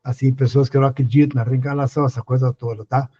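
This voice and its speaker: Older host, husky and mellow, earnest advice talk, dull lo-fi sound. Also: male voice, medium pitch, level tone, rapid-fire. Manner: earnest, repeats questions to the listener. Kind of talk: casual advice talk on a live stream.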